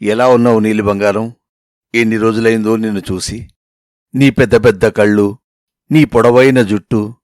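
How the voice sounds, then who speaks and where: A man voicing a young male admirer reading out a doting love letter, soft and lingering. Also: medium pitch, no echo, clean studio sound, pitched below the performer's own voice, natural voice.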